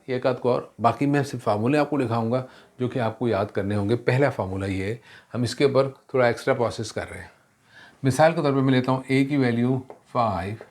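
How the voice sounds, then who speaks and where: A man's voice: medium pitch, darkish tone. Man teaching algebra, mixing in English. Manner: mixes Hindi with English terms, explains step by step; self-correcting, asks rhetorical questions. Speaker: math teacher. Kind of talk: classroom math lesson.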